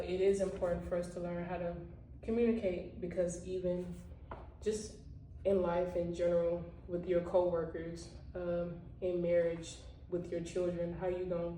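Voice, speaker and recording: A warm, lowish-voiced woman vlogger chats motivationally with her audience, sprinkling in "you know" and "like" constantly. The sound is echoey with the mic somewhat distant, plus a slight hiss or hum.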